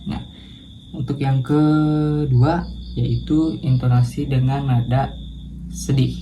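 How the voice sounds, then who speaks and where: A man's voice: mid-range voice, fairly even intonation, takes it slowly, noisy background. A man talking to camera in a casual practice monologue, hesitant and thinking aloud with self-corrections, with crickets chirping behind. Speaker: vlogger doing a speaking challenge.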